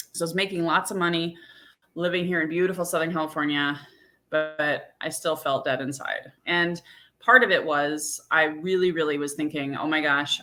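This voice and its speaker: A woman's voice: deep voice, sharp tone. A woman hosting a podcast, telling her story in an earnest, reflective way. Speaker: podcast host. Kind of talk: casual conversation.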